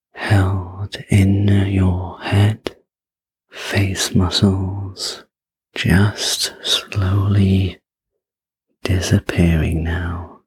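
A breathy, gently soothing ASMR role-play in the manner of a sleep story narrator, guiding the listener through relaxation. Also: low-pitched, rough recording. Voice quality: breathy, husky soft voice.

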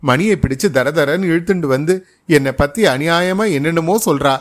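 A man voicing a tearful young wife who haltingly pleads her innocence in a story reading. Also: a little high, close to an everyday voice. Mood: pleading.

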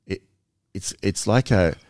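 A man co-hosting a podcast, talking earnestly in casual conversation, animated and restarting his sentences as he explains. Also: low voice, unhurried, no room sound, clean studio sound. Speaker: podcast co-host.

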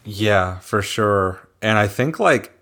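A man's voice: lowish voice, lively intonation, takes it slowly, a bit bright. A man, a musician guest, chatting casually and animatedly, spinning playful theories. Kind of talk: casual chat.

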